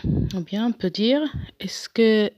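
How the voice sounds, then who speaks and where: A woman's voice: mid-range voice, takes it slowly, mellow, no room sound. A woman teacher going through a French grammar lesson, reading out exercises and explaining them patiently step by step. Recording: dull lo-fi sound, dry.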